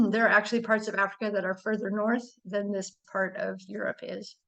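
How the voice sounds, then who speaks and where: Chatty and enthusiastic despite losing her voice, a North American woman presents a relaxed birding slideshow, clearing her throat often and saying um in the pauses. Her mid-range voice is slightly bright, with a flat delivery.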